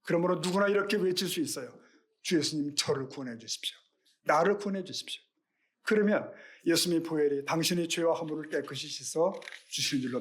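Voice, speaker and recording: A middle-aged male pastor giving a Sunday sermon, earnest and questioning, with rhetorical questions to the congregation. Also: a little high.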